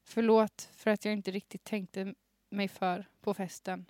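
A young adult woman hosts a podcast, reading a story she wrote as a teenager while holding back giggles. Her voice is medium-pitched, level and slightly mellow. The recording is dry and studio quality, made on a studio mic with headphones.

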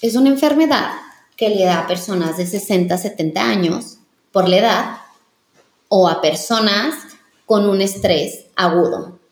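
A wedding planner in her thirties, appearing as an interview guest, candidly shares a personal story in an earnest, confiding way. Her medium-pitched voice moves at a measured pace, and she often restarts her sentences. The recording has a roomy echo.

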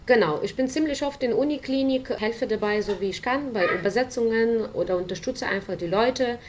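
A woman's voice: on the high side, a little fast, a crowd in the background. A woman from Ukraine with a Ukrainian accent, speaking German as a second language with many fillers, interviewed from her home office as a volunteer interpreter. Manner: hesitant, many fillers, non-native grammar. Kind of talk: casual interview talk.

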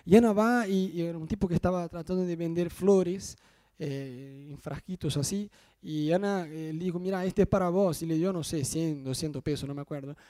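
Animated Rioplatense pastor, high mellow voice. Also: male voice, moderate pace. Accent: Rioplatense Spanish. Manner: animated, jokey, asks the congregation if they follow. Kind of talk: sermon with personal anecdotes.

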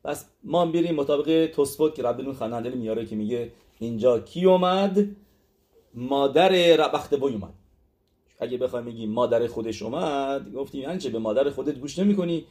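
A man's voice: mid-range voice, a little mellow. A man teaching a religious text lesson, explaining step by step with frequent hesitations and fillers.

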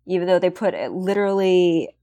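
Lively low-voiced woman, wry. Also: a little fast. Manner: wry, laughs often. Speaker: podcast co-host. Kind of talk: casual chat.

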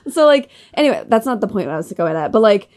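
A woman's voice: mid-range voice, very animated, fast, darkish tone. A woman with a Boston accent co-hosting a podcast, chatting casually and rambling with lots of fillers and swearing. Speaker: podcast co-host. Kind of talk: casual chat.

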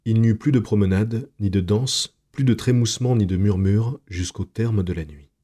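Man, storyteller, low voice, mellow, husky, hushed measured reading. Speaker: narrator. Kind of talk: scripted narration of night tales.

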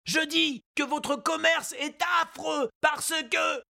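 A man voicing an earnest, indignant little boy in a storybook reading, with a high childlike voice. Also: moderate pace, creaky, pushed and bright, dry recording, clean studio sound, full character voice. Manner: high childlike voice, outraged pleading.

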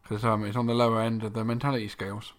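A man's voice: fairly low pitch, flat delivery, rapid-fire. A man co-hosting a podcast, chatting casually with dry humour and many ums. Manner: dry humour, filler-heavy. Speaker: podcast co-host. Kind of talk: casual chat.

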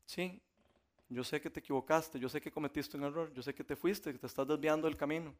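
A gentle, forgiving divine voice speaks low and hushed, patient and reassuring, as a male preacher puts it on during his sermon. The voice sits a touch high for a man, yet it stays soft and calm. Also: fairly quick, close to an everyday voice. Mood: tender.

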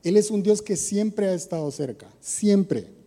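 A man's voice: high voice, expressive, measured pace, mellow, in a large hall. A man giving a conversational sermon, often putting rhetorical questions to his listeners. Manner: asks the audience rhetorical questions. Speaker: preacher.

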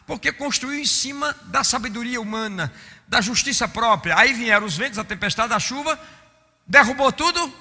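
A man preaching a sermon, impassioned, swinging from loud exclamations to quiet mock-weary asides. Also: very high-pitched, creaky. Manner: impassioned, rising to shouts and dropping to mock-weary murmurs. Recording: long hall reverb.

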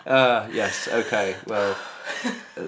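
A man's voice: lowish voice, slow, noisy background. A man co-hosting a casual comedy podcast, joking and laughing often. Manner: jokey, laughs often, puts on silly voices. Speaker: podcast co-host.

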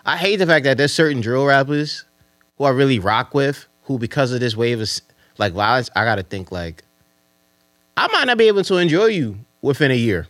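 A man's voice: mid-range voice, lively intonation, a little fast, fairly bright tone, no room sound. A man hosting a casual podcast chat, talking in slang and driving points home with repeated rhetorical questions. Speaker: podcast host.

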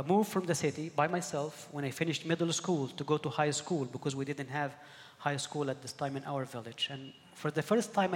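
A middle-aged Egyptian pastor preaches a sermon earnestly in a slightly high voice, often doubling back and repeating words as he finds his way. A long reverb carries his voice, as in a large church hall.

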